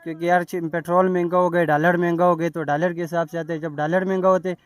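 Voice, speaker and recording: A man's voice: on the high side, flat delivery, quick pace, no room sound, clean studio sound. A man with a Pakistani accent who runs a clothing stall, explaining prices at length. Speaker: jacket stall owner. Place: outdoor street market.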